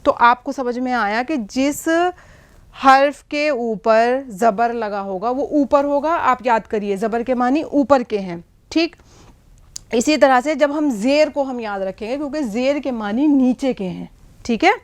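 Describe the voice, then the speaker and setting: High-voiced woman teaching a patient lesson. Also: a little slow. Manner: patient explaining, frequent checks like "hai na?" and "theek hai". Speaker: Urdu teacher. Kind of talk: whiteboard language lesson.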